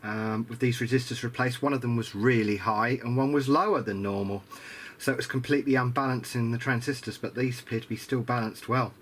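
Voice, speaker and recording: With a fairly even, slightly bright medium-pitched voice, this man talks a little fast over slight background noise. He's a hobbyist presenting a radio restoration, thinking aloud at the workbench in a casual, musing, hesitant way.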